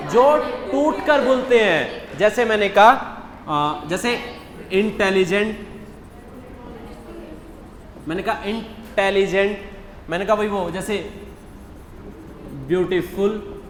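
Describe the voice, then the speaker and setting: Going over mock test answers with his class, this male English teacher speaks slowly in a high voice and pauses often. He keeps putting questions to the students, then supplies the answers himself. The sound is echoey, with a faint background hum.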